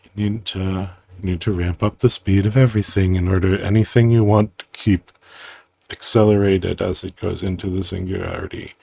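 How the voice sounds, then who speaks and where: Low-voiced man, slow, halting and playful, explaining his own system over a dry close mic. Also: steady tone, vocal fry, mellow, slightly rough, no echo. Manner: halting, self-interrupting, playful, muses aloud. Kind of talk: casual rambling screen-recorded explanation.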